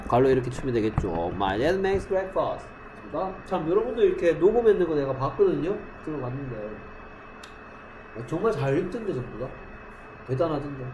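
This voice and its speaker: A man with a slightly high voice leads an English grammar class, calling on students by name and drilling them. He reads English sentences slowly and clearly, then switches back to explain. Faint noise from the room can be heard behind him. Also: darkish tone. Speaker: English teacher. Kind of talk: classroom lesson.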